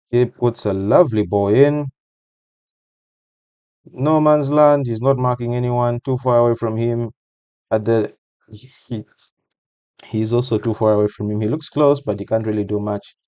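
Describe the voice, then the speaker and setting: A man's voice: medium pitch, dark tone, no room sound, highs cut off. A man giving a casual voice-over breakdown of a football match, talking conversationally and repeating phrases for emphasis.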